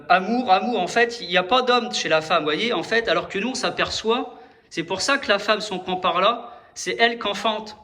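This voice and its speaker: A man's voice: high voice, bright, forceful tone. A man hosting his own video, explaining letters and numbers in a hesitant, rambling way, often stopping to correct himself and asking the viewers if they follow. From France. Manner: hesitant, restarts often, addresses viewers directly.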